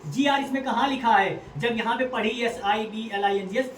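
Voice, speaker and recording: A woman's voice: on the high side, normal speed. A woman tutoring a child at home, stern and impatient, repeating orders and spelling letters aloud. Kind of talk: scolding a child over reading. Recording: echoey room, far from mic, faint noise.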